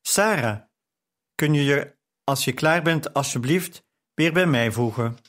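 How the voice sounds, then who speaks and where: A man's voice: on the high side, a little slow, fairly bright tone. A man reading a breezy, teasing nobleman. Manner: breezy and playful. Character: teasing, easygoing young nobleman. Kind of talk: audiobook reading.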